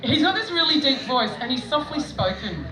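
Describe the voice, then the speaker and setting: Self-mocking stories and frequent laughter fill this stand-up set from a middle-aged Australian woman at an outdoor festival. Her voice sits high with big pitch swings at a moderate pace, and a crowd can be heard behind her. The sound is echoey and distant, with background noise.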